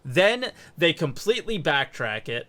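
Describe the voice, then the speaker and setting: A man's voice: fairly high pitch, big pitch swings, a little slow, pushed and bright. A man hosting a casual gaming podcast, rambling and correcting himself as he explains background. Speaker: podcast host. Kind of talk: casual chat.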